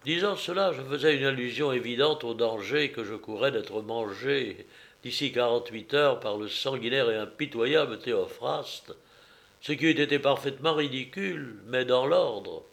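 A man reading a novel aloud as narrator, measured and precise. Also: mid-range voice, gravelly, fairly bright tone.

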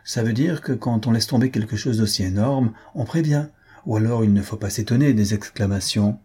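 A jaded, cynical man of the world, read by a male narrator cuts people off and makes sweeping, mocking judgments. The voice is low, husky and mellow. He speaks with blunt self-assurance. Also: moderate pace. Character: worldly cynical gentleman, big sonorous voice.

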